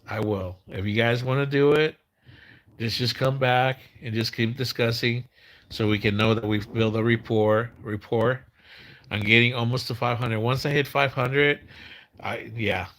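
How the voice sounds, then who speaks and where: A man's voice: fairly low pitch, fairly bright tone. Guy in his 50s rambling on a livestream, kinda slurred and mumbly like his tongue's numb, repeats himself. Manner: halting, repeats words, street-casual phrasing. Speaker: live stream host. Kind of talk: casual rambling live-stream chat.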